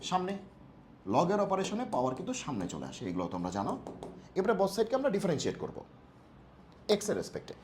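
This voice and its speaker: A man tutoring math for an exam, fast and playful, using jokey homely analogies. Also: high-pitched, huge pitch swings, darkish tone, a little hiss or hum. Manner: talks fast on purpose. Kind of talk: exam-prep math lesson.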